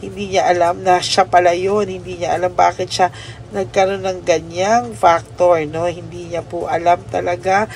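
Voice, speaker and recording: A woman host from the Philippines, talking the listener through a personal reading. She is polite and unhurried, mixes English words into her Tagalog, and often ends a line with a questioning "no?". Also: lowish voice, flat delivery, a little mellow, slight background noise. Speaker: channel host giving a reading to the viewer. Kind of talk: soft-spoken reading addressed to the listener.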